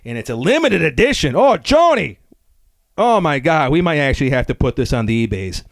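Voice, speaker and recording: Man doing a local guy, rambling and gushing, high and lively pitch, dry sound. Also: brisk, gravelly, dry recording. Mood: gushing nostalgic. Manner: rambling, gushing, easily excited, stumbling restarts. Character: excitable rambling nostalgic local Scranton guy, middle-aged man. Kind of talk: comedic character review.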